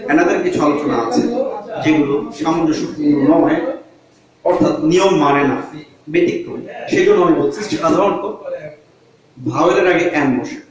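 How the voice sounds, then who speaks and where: Guy teaching an online english class, kinda high voice, super echoey room, mic far off. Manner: explains step by step, asks and answers his own questions; switches between Bengali and English words.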